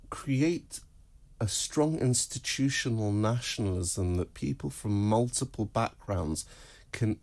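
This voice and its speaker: Male guest analyst, fairly low voice, deliberate, lecturing, interview. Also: darkish tone. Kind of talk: broadcast interview.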